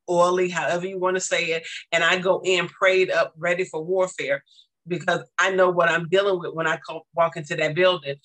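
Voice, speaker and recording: A man's voice: high voice, bright, forceful tone, poor audio. A male teacher giving casual spoken testimony in an emphatic, repetitive preaching cadence.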